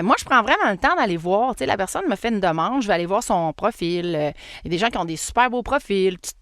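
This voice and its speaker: A woman with a Québécois accent, hosting a casual solo podcast in a chatty, animated way and laughing at herself. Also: mid-range voice, dry recording, clean studio sound. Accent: Québécois French. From Quebec. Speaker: podcast host and marketing coach.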